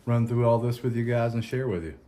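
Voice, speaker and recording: A man with a Southern accent, hosting a casual unboxing chat in an unhurried, halting way with many ums and restarts. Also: medium pitch, warm tone. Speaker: cigar channel host.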